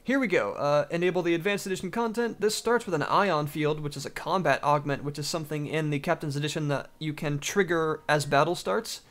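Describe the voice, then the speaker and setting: A man's voice: a little high, fairly quick, hardly any pauses, a bit bright. A man giving casual, enthusiastic, rambling commentary while he plays a video game. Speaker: gaming video host. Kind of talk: casual let's-play commentary.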